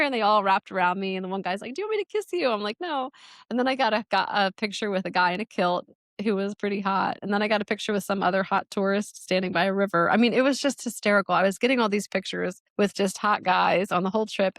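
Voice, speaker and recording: Woman, middle-aged, from New Jersey, podcast host, casual storytelling, laughs a lot, gravelly. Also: medium pitch, dry recording, clean studio sound. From New Jersey, USA. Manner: chatty, laughs often, animated quotes.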